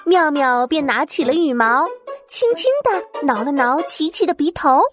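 A woman narrating a children's story in an animated, sing-song way. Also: high voice, moderate pace, over loud music.

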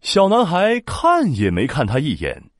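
A man tells a children's story, his pitch leaping widely through every phrase. The sound is close and dry, with no room around it. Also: measured pace, dry recording. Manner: animated, expressive.

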